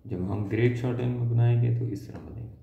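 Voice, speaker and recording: A man teaching a shorthand lesson step by step, slow and patient, trailing off softly as he draws each symbol. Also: medium pitch, gravelly. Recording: dull lo-fi sound in an echoey room.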